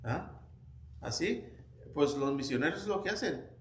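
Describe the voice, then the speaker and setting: A man teaches an informal Sunday school Bible class at church, telling stories conversationally with quoted anecdotes and many restarts. His voice is a little high and expressive, at a measured pace. The church room is echoey with faint ambience, and there is a little hiss or hum.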